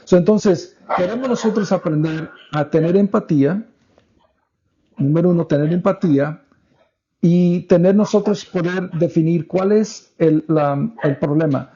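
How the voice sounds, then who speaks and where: A man's voice: high-pitched, measured pace, warm tone, slight background noise. A man co-hosting a faith-based parenting podcast, speaking in an earnest, teaching way and slipping English words into his talk. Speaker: podcast co-host. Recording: dull lo-fi podcast audio.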